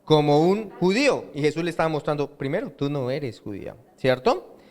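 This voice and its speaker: Pastor preaching in a reverberant hall. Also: male voice, fairly high pitch, expressive, a little fast, darkish tone. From Colombia. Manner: questioning, asks the congregation to fill in words. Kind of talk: sermon. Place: church hall.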